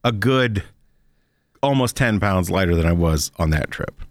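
Male co-host, middle-aged, slightly deep, self-deprecating and conversational, very little room sound. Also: expressive, measured pace, dry recording, studio quality. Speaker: podcast co-host. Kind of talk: casual chat.

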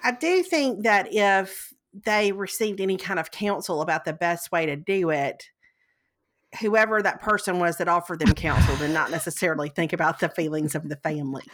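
A woman's voice: fairly low pitch, normal speed, fairly bright tone. A woman hosting a podcast in casual chat, talking in a chatty, hedging way and laughing easily. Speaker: podcast host.

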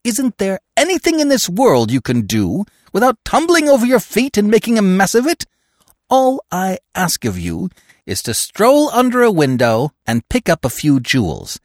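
A man putting on a shrill scolding woman crook. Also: huge pitch swings, normal speed, no echo, clean studio sound. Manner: sharp, scornful, tense.

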